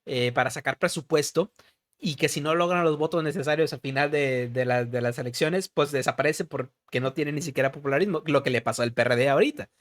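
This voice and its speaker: A man's voice: a little high, brisk, no room sound. A young man with a Mexican accent, co-hosting a casual political chat and dropping "güey" constantly. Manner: slangy, peppers talk with "güey". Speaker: podcast co-host.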